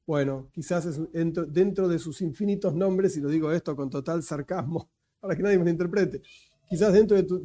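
This teacher's voice is high with a dark tone, and he speaks with an Argentine Spanish accent. His lecture is conversational: patient explanations broken up by jokey asides.

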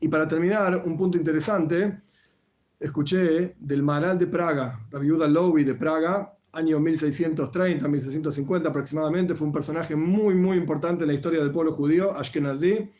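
A man giving a live-streamed explanatory talk as a religious teacher, measured and patient, with frequent restarts. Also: a little high, darkish tone.

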